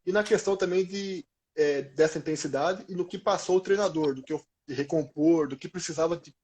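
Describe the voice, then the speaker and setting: This former professional footballer, a Brazilian-accented man in his thirties, shares athlete stories during a relaxed, slangy interview. His voice is a little high, a little fast and a little mellow.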